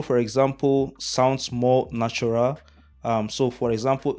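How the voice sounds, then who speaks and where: A man teaching audio mixing in a relaxed, explanatory tutorial, pausing often with ums as he thinks through each point. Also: mid-range voice. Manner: plain, unhurried explaining with frequent ums.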